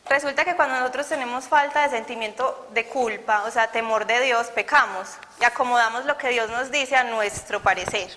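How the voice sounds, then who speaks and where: A woman's voice: on the high side, moderate pace, hardly any pauses, sharp tone. A young woman gives an earnest, conversational sermon and personal testimony, acting out the dialogue she recalls. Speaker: church youth speaker. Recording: reverberant hall.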